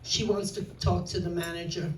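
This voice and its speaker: A woman's voice: lowish voice, level tone, normal speed, very noisy. A woman in her sixties with a New York accent, doing a brash, self-mocking stand-up set on a club stage. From New York, USA. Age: 60s. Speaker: stand-up comedian. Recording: roomy club sound from far off.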